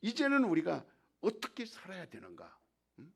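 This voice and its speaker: Gravelly, lively male preacher. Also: high-pitched, moderate pace. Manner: emphatic preaching, call-and-response. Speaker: pastor. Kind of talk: sermon.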